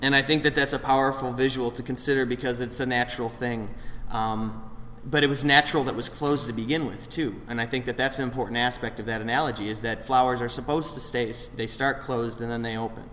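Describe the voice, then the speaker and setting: A man's voice: medium pitch, fairly even intonation, a little fast, fairly bright tone. A man in his late thirties, speaking candidly and in a self-deprecating way at a recovery meeting, rambling with frequent restarts. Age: late 30s. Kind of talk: candid personal share. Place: meeting room with an audience. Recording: roomy hall, faint background noise.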